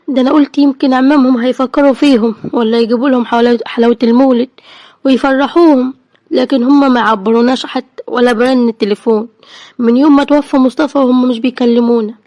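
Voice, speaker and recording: A worried, tender widowed mother from a storybook, as a woman puts her on, speaking Egyptian Arabic in a high, quick voice. Her tone is mellow and soft-spoken, and the recording is dry and close. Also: no echo, muffled recording, close to an everyday voice.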